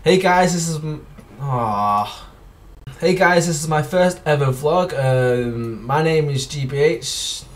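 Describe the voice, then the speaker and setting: Guy vlogger, slightly high voice, keeps restarting and cursing, recorded from a distance. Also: slow pace. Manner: stumbling, restarts often, swears. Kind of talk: casual vlog intro. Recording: distant from the mic.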